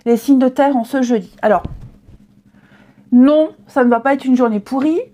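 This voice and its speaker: Woman tarot reader, high voice with a mellow tone, chatty and reassuring, lots of hesitations. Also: normal speed. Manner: chatty, reassuring, many fillers and restarts. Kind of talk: casual tarot reading to camera.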